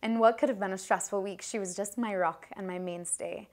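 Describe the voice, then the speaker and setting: A woman in her thirties, the maid of honor, giving a heartfelt wedding toast into a handheld microphone in a reception hall, pausing and restarting as she speaks. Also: mid-range voice, fairly even intonation, darkish tone. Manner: heartfelt, earnest, with many restarts and pauses.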